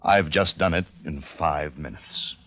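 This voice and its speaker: In an old-time radio drama, a deep-voiced male actor narrates in the first person as a weary, grieving survivor leading a small community. He speaks at a measured pace in a reflective mood, and the old radio recording has music behind him.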